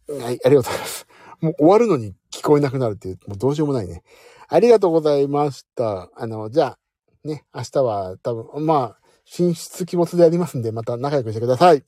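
A man's voice: medium pitch, animated, a little fast, no echo, studio quality. A man casually chatting and signing off on a late-night live audio stream, joking about himself as he talks to his listeners. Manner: chatty, self-mocking, warm sign-off to listeners.

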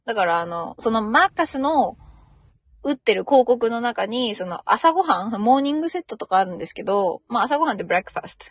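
A young woman talks casually on her podcast, her pitch bouncing widely as she laughs and mimics greetings. The sound is dry and close, with no room around it. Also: lively intonation, fast talker, dry recording. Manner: chatty, laughing, imitating local greetings. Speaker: podcast host. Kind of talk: casual solo chat.

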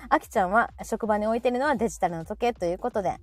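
A woman's voice: medium pitch, very fast, faint music behind. A woman with a Kansai Japanese accent in casual banter as a talk show co-host, rambling and self-deprecating.

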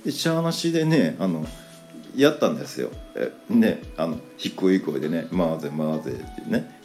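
A man with a Kansai accent telling a story in a casual, animated podcast monologue, acting out the quoted lines. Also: sits low, moderate pace, faint music behind. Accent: Kansai Japanese. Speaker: podcast host.

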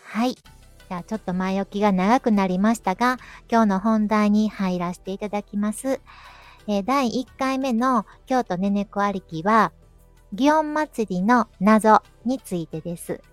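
Give the voice of a woman with a Kansai accent, pitched in the middle range. She hosts a podcast in a casual yet polite way, blending regional speech with more standard intonation. Music plays along with her voice. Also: unhurried, no room sound. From Kyoto, Japan. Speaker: host of a travel podcast. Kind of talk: casual but polite solo podcast talk.

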